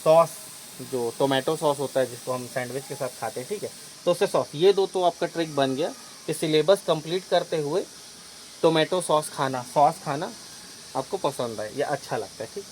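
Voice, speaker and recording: A man teaching an exam-prep lesson in a fairly high voice, walking through each point slowly and repeating himself. He keeps checking in with his students as he goes. A faint hiss sits under the recording. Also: poor audio. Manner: explains step by step, often repeating and checking with "okay".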